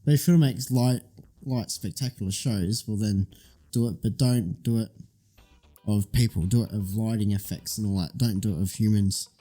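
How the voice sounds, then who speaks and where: A man's voice: fairly low pitch, normal speed, dark tone. A man co-hosting a podcast in casual chat, laid-back and hesitant, agreeing often. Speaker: podcast co-host.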